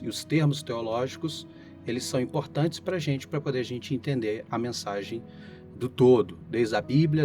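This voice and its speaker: With a mid-range, slightly mellow voice, a Brazilian pastor leads an informal Bible study in Brazilian Portuguese, walking through the material step by step and checking in with listeners. Worn out from a flu, his voice is tired and giving out, and guitar music plays behind him.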